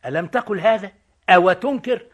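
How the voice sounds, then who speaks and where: A man's voice: high voice, brisk. A man acting a cheeky, witty Egyptian vagabond in a stage comedy, joking and mocking. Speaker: stage actor.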